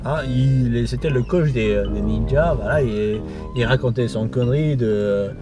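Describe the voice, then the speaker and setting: A man's voice: mid-range voice, measured pace, over music. A man talking casually and drunkenly, rambling through a film recap in repetitive, sweary slang and losing his thread. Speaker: video host.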